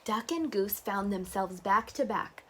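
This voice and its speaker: A woman reading a picture book aloud to toddlers, animated and coaxing, with simple questions and playful sounds. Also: medium pitch, a little slow, a little hiss or hum. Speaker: storyteller reading a picture book to young children.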